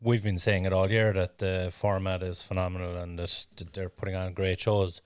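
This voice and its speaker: A man's voice: low voice, moderate pace, clean tone, no echo, studio quality. A man co-hosting a podcast, talking casually and animatedly as he gives his views. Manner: animated, laughs often. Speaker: podcast co-host. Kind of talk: casual chat.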